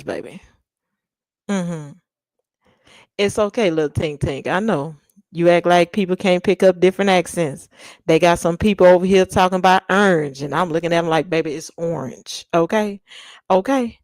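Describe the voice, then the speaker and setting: A young woman from Texas with a Louisiana-tinged accent hosts a livestream, chatting with viewers in a blunt, sassy way, laughing and telling slangy stories. Her voice is lowish and a little mellow, with no room sound.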